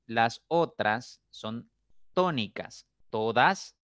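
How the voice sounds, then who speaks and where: A patient male teacher, recorded dry and close with no room sound. His voice sits at an ordinary middle pitch as he repeats points, checks in with the class, and stretches syllables slowly to make the stress heard. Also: a bit bright, no room sound. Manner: patient, repetitive, checks understanding with "¿listo?".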